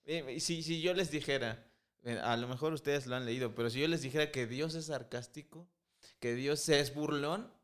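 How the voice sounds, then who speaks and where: A man's voice: a little high, normal speed, a bit bright, clean tone. A man co-hosting a casual podcast, speaking earnestly straight to his listeners. He addresses them as brothers and stops and restarts his phrases as he thinks. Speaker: podcast co-host.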